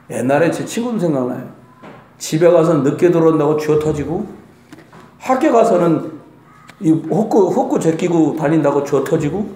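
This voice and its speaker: A male pastor preaching a sermon, swinging between shouted lines and quiet asides. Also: fairly high pitch, echoey room. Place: church sanctuary.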